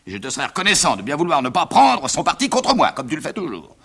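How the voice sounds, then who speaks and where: A man voicing an exasperated middle-aged bourgeois father, who bursts out in shrill, indignant scolding in a one-man reading of a stage comedy. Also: wildly swooping pitch, quick pace, gravelly, a bit bright, husky, full character voice. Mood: stern.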